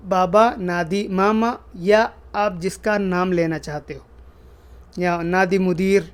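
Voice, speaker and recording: Brief: high-pitched male teacher, patient, repeats every phrase and then explains it. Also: clean tone. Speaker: Arabic language teacher. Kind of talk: spoken language lesson.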